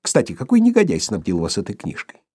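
A man's voice: lowish voice, huge pitch swings, quick pace, darkish tone, breathy edge, no echo, clean studio sound, heavily acted. A man voicing an older male professor, imperious and irate, lecturing in a thundering way. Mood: furious.

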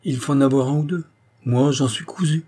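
A man's voice: mid-range voice, a little fast, dark tone, voice pushed up, close to an everyday voice. A man voicing a hearty, good-natured young countryman with a teasing charm in an audiobook. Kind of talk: audiobook character reading.

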